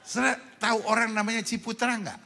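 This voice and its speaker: A man's voice: extremely high pitch, flat delivery, quick pace, gravelly, sharp tone, a little hiss or hum. A middle-aged male pastor, preaching a humorous sermon in a church hall, teasing the congregation in colloquial slang. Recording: long church hall reverb.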